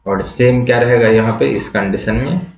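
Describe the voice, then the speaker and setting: A man teaching English vocabulary in a slow classroom explanation, spelling words out letter by letter and asking rhetorical questions before answering them. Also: mid-range voice. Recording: echoey, dull lo-fi room sound.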